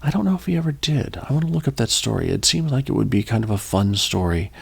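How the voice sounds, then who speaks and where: Gravelly, animated male podcast host. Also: mid-range voice, fast talker. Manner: rambling, joking asides, self-corrections. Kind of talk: casual folklore storytelling.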